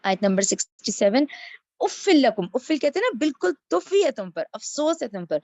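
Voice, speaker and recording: A woman's voice: high voice, sing-song, a little mellow, no echo. A woman teaching a verse-by-verse religious lesson, reciting Arabic phrases and then explaining each one. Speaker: Quran teacher.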